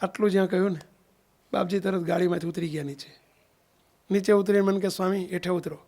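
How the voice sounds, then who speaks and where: A swami preaches at a Gujarati satsang, telling a story, acting out the voices of its characters, and repeatedly asking listeners if they understood. His high voice has a dark tone, fairly even intonation, and a quick pace.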